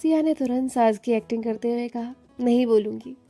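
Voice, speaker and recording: A woman narrating a family story in a steady, plain reading voice. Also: on the high side, brisk, soft background music.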